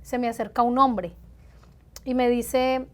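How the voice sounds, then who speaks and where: A woman with a somewhat high voice tells her personal testimony in conversation. As a pastor she speaks in a heartfelt, unhurried way. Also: fairly even intonation.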